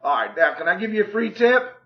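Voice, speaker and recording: Hoarse man, high voice, pushy real estate pitch on a phone call, echoey dull room. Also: sing-song, fairly quick. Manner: persuasive, pushy, repeats "okay?" and "right?"; clears throat often. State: hoarse, losing his voice.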